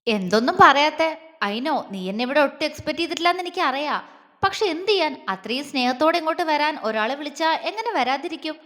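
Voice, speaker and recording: A woman voicing a smug, scornful young female rival who taunts in a mocking tone. Her voice is high. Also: lively intonation, fairly quick, pushed and bright, in a large hall. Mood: taunting.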